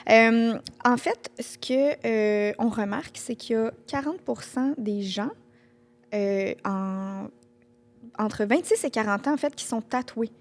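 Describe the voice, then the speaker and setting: Young Québécois woman host, higher-pitched, casual and swearing a bit. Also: slow pace. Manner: presents statistics with playful swearing. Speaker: podcast host. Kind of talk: casual chat.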